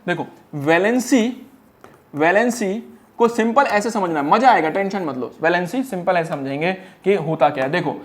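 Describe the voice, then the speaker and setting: A man teaching an energetic one-shot lesson in a playful, teasing way. He fires quiz questions, answers them himself and stretches phrases into a singsong. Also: sits high. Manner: drags words out in a singsong way.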